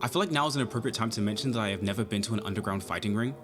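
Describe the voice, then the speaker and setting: A man with a fairly low, natural voice talks very fast, playing a nervous, polite young amateur detective who narrates his own case in an audio drama. His mood is measured and wry; he sounds hesitant and flustered in dialogue but formal when narrating, with music playing behind him.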